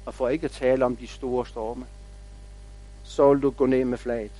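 A man voicing a wise, fatherly old oak tree in a story, speaking slowly and softly in a lowered voice. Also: level tone, no echo, lightly acted, poor audio. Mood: wise, gentle. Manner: slow, low and hushed.

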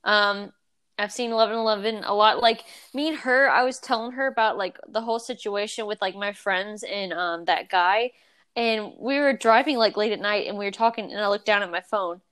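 A woman's voice: medium pitch, moderate pace, a bit bright, clean tone. A young woman co-hosting a casual chat podcast, rambling with many restarts and filler words. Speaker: podcast co-host.

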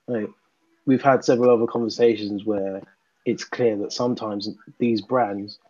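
A man's voice: fairly low pitch, a little mellow, no echo, highs cut off. A man talking casually in a panel discussion, laid-back and rambling with lots of fillers. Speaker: podcast co-host.

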